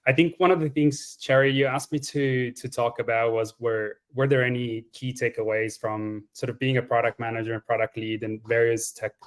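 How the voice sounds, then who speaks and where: A man gives an unscripted talk at a founders' meetup. He is self-deprecating and rambles a little as he warms up. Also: mid-range voice, flat delivery, normal speed, few pauses. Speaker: founder and former product lead.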